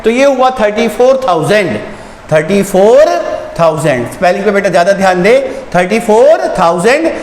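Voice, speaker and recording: High-voiced man teaching in an echoey room. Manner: patient, asks and answers his own questions, repeats terms, calls students "beta". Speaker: school teacher. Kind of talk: online math lesson for young children. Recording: echoey room with long reverb, faint background noise.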